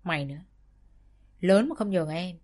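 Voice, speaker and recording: A woman voicing a stern old grandmother who scolds and gives hushed warnings in a storybook reading. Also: lowish voice, moderate pace, close to an everyday voice. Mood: scolding.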